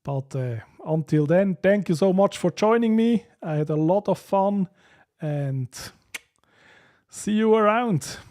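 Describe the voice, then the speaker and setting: This Swiss host runs a casual live stream, and his sentences are hesitant and packed with fillers as he reads out viewer comments and laughs a lot. His voice is high-pitched and a little mellow, animated yet slow.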